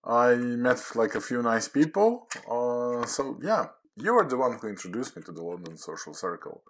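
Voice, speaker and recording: A man in his forties from Croatia talks with a lively, swinging pitch and a bright, forceful tone. He chats as a podcast guest in halting English, with plenty of ums and restarts. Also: slight background noise. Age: 40s. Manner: halting, non-native English with many fillers. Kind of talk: casual chat.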